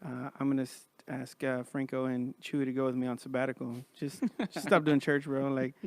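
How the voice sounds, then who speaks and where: A man's voice: medium pitch, level tone, brisk, gravelly, no room sound. A man hosting a podcast in a casual, informal chat, talking like he's among his bros. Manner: informal, says man and bro often. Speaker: podcast host.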